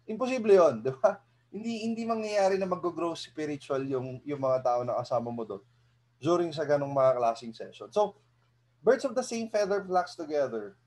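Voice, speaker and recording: Male motivational speaker, somewhat high pitch, animated and chatty with the crowd, chuckles often. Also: normal speed. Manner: lively, asks the audience rhetorical questions. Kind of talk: seminar talk to an audience.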